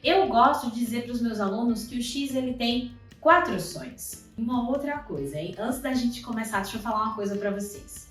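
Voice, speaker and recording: A woman with a Brazilian Portuguese accent teaching an online Portuguese lesson, chatty and lively, drawing out example words slowly. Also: fairly high pitch, far from the mic. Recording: echoey room, voice off-mic, faint music.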